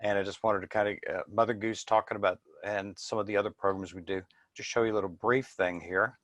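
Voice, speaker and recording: Male business presenter, slightly low voice, dry close sound, informal and explanatory. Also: fairly even intonation, fast talker, a bit bright, no room sound.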